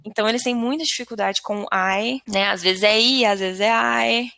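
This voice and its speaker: A woman's voice: medium pitch, fairly quick, no room sound. A woman who teaches English online, chatting casually in an interview and laughing often. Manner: lively, laughs often, acts out quotes of students.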